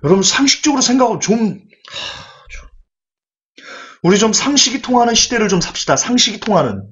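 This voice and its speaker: A man delivers a sermon with an animated, rhetorical delivery, slipping into quoted voices. His fairly high voice swings widely in pitch. The recording sounds dull and lo-fi. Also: quick pace. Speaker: pastor.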